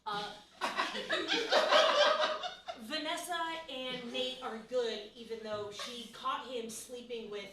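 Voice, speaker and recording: A woman with a bright, crisp voice rattles off a gossipy, breathless recap on a small stage, jumping into little acted-out quotes. She sounds a bit far from the mic, in a roomy, echoing space. A faint hum sits underneath. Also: fairly high pitch, expressive, takes it slowly, long pauses. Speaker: improv performer. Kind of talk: live improv monologue. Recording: echoey room, mic from a distance.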